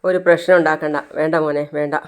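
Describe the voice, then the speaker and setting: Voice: mid-range voice, little pitch movement, fast talker, smooth, natural voice. Narrator reading a pleading poor mother. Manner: pleading, sorrowful.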